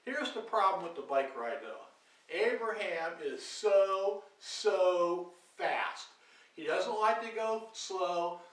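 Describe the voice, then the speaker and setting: An older man, a grandfather, telling his grandchildren an animated story with dramatic sound effects. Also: high-pitched, slow, recorded from a distance. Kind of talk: family storytelling. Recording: echoey room, off-mic.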